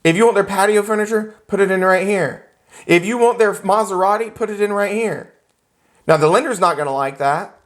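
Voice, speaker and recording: A man with a drawl teaches a classroom of real estate students. He lectures in an animated, joking way and slips into little acted-out scenes. He talks to the room as he goes. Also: high-pitched, a little fast. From United States. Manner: animated, joking, acts out characters.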